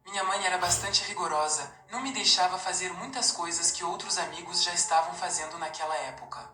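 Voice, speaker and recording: Brief: forty-something woman, calm and measured, bright forceful tone, low-set voice, telling a personal testimony. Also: slight background noise. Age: 40s. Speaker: testimony narrator. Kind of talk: scripted first-person testimony narration. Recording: roomy recording with faint music behind.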